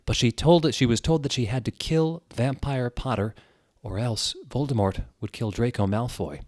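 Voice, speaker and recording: A man hosts a dramatic comedic reading of fan fiction, delivering it theatrically and wryly with casual asides. His mid-range voice is a little mellow at a moderate pace, with studio-quality sound and no echo.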